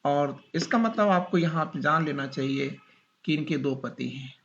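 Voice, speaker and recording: Male teacher dictating a lesson slowly, repeats himself a lot, slightly high voice, muffled lo-fi sound. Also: gravelly, a bit bright. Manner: slow, repetitive dictation with questions to students. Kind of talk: classroom lecture.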